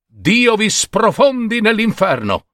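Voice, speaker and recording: A man's voice: sits high, sing-song, takes it slowly, a bit bright, no echo, clean studio sound, pitched above the performer's own voice, heavily acted. A man voicing a foolish, naive young peasant who greets people in an eager, sing-song way.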